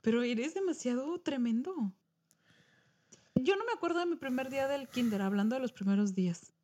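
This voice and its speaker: A young woman with a Mexican Spanish accent, co-hosting a podcast and telling a childhood story in a casual, animated way. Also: high-pitched, moderate pace. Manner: animated, acts out quoted voices. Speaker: podcast co-host.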